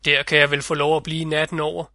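A man's voice: on the high side, completely flat delivery, pushed and bright, no room sound, studio quality. A man voicing a cheerful, poor farmer in a storybook reading, eager and exclaiming.

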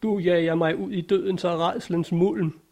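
A man's voice: high-pitched, steady tone. Tormented brooding man, grim and despairing, slightly raised voice, read by a male narrator. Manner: dark, despairing.

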